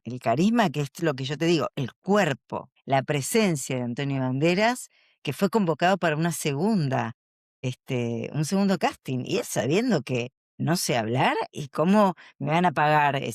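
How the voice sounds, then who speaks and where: A woman, a communication coach answering interview questions in an animated, storytelling way. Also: low-pitched, no room sound, studio quality.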